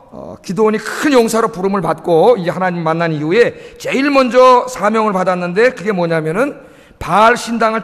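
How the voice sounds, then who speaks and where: Male pastor, emphatic sermon delivery, high voice, long church reverb. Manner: emphatic, repeatedly asks the congregation for responses. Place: church sanctuary.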